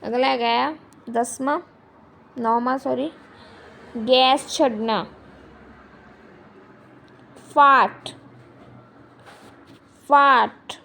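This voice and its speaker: Lady teaching english words super slow, gravelly voice, repeats each one loud. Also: sits high, fairly even intonation, a little hiss or hum. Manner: repeats each word slowly, saying the English words louder. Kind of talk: slow vocabulary lesson.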